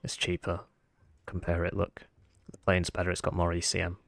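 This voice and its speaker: A man with a croaky, froggy voice, sounding unwell, giving casual game commentary as he thinks aloud. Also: deep voice, completely flat delivery, moderate pace, fairly bright tone, no room sound. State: under the weather, sick voice. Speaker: gaming video host.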